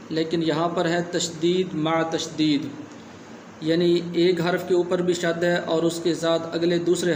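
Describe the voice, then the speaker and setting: A man teaching a Quran reading lesson, patiently spelling out each word syllable by syllable and repeating it slowly. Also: a little high, a little mellow, reverberant, a little hiss or hum.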